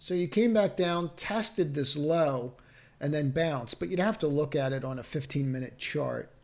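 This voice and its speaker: Going through stock charts on a screen share, an analyst speaks at normal speed in a fairly high, slightly mellow voice. His advice is cautious, and he thinks aloud with restarts and rhetorical questions.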